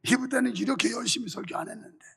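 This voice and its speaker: High, gravelly male pastor preaching fervently. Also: fast talker. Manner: fervent preaching, rhythmic shouted refrains. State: voice strained from heavy use. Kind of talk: sermon. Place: church sanctuary. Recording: reverberant church hall.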